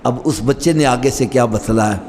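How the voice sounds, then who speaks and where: A man's voice: mid-range voice, slight background noise. A middle-aged man preaching a sermon, telling stories and speaking directly to his listeners. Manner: animated, storytelling with rising emphasis and asides to listeners. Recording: long reverb hall with faint ambience.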